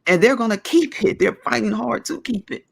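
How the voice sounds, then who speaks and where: A woman's voice: a little high, animated, brisk, gravelly, breathy edge. A woman in her forties talking at length in a casual discussion, earnest and emphatic as she explains her views. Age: 40s.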